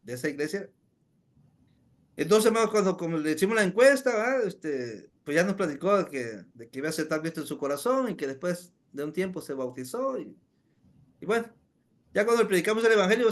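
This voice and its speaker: A man, an evangelist telling a story to his congregation, often calling them "brothers" and filling pauses with "este". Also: high voice, expressive. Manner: keeps calling listeners "hermanos", many "este" fillers.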